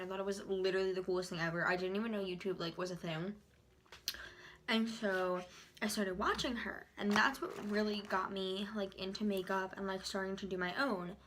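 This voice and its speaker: A young adult woman vlogs in a loose, informal chat, chewing while she talks. Her voice sits at a medium pitch and her sentences wander and halt. There is faint noise in the recording, with small clicks. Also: a bit bright. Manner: informal, halting, loosely rambling. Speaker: YouTuber vlogger. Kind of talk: casual chat to camera during a mukbang.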